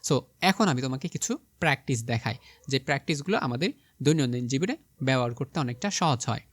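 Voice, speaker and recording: A young man giving a spoken English lesson, slowly repeating example sentences and checking in with his students. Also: mid-range voice, lively intonation, no room sound. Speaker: English teacher.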